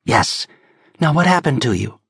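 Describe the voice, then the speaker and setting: A man's voice: mid-range voice, expressive, a little slow, gravelly, fairly bright tone, husky, no room sound, clean studio sound, pitched above the performer's own voice, full character voice. A male audiobook narrator voicing a young woman police officer who speaks firmly and commandingly. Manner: firm, commanding. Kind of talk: audiobook character voice.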